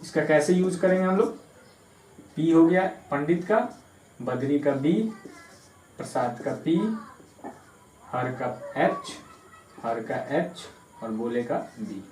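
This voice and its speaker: A fairly high-voiced man teaches a maths class, patient and repetitive, spelling terms out letter by letter. His voice comes from some distance away, bouncing around a hard-walled room with a faint hum of ambience. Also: slow, long pauses, a little mellow, echoey room. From Bihar, India. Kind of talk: classroom lesson explaining at a board.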